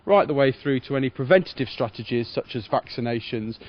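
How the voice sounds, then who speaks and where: A man, a farm veterinarian giving measured, formal explanations in an interview. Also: mid-range voice, lo-fi sound. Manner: measured, formal veterinarian explaining carefully in plain professional terms.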